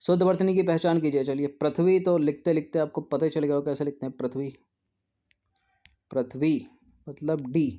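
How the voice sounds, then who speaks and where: A man gives a spelling lesson for exam preparation. He sounds mellow and a little high, and he repeats each word slowly as he checks the options. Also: fairly even intonation, dull audio. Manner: goes through answer options aloud, repeating words slowly. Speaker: exam coaching teacher.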